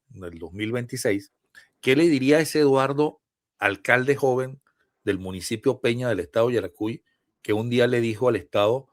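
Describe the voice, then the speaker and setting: A Venezuelan man hosting a remote interview, asking reflective, measured questions with some hesitations. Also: medium pitch, no echo, studio quality. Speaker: interviewer, host.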